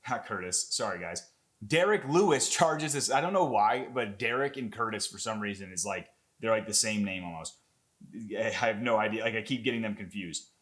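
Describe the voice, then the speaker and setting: A young man talking casually and excitably as he breaks down a fight clip, rambling with lots of fillers and swearing. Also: on the low side, normal speed. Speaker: MMA content creator.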